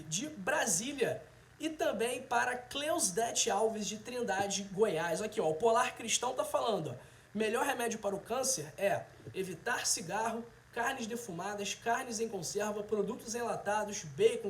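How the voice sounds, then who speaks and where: Hosting a health video livestream, this thirty-something man with a Brazilian accent talks to his viewers in a casual, direct way. His voice is very high, and the roomy, echoing recording carries a faint hiss or hum.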